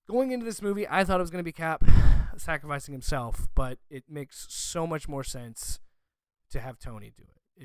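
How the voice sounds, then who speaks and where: A man's voice: mid-range voice, fairly bright tone, smooth, no echo. A young man hosting a podcast, gushing emotionally in a casual review chat with lots of fillers. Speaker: podcast host.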